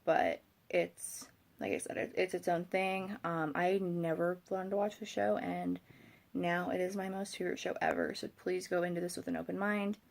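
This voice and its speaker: Her voice on the low side with vocal fry and little pitch movement, a young woman talks casually to camera at a moderate pace as a vlogger. She sounds tired and rambling, hesitates, and her speech is slightly thick from a swollen tongue.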